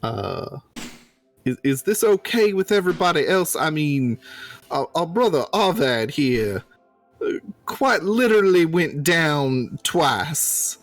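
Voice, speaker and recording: Guy playing dnd, kinda higher voice, really slow hesitant talker, polite in-character chat. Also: sing-song, faint music behind. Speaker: tabletop game player. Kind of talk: in-character improvised role-play chat.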